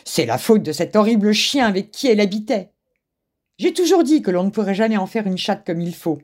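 A woman's voice: medium pitch, big pitch swings, a little fast, darkish tone. A woman voicing a gossiping, disapproving uncle cat in a storybook reading.

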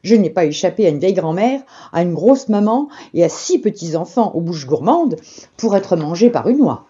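A woman's voice: on the low side, big pitch swings, normal speed, mellow, slightly rough, lo-fi sound. A woman voicing a proud, fleeing female pancake in a storybook, chanting her refrain in a slightly raised voice. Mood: boastful.

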